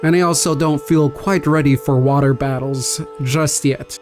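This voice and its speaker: Higher-voiced man recapping a board game. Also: normal speed, soft background music. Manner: relaxed recap of battles and gear. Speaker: game player and commentator. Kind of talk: casual gameplay commentary.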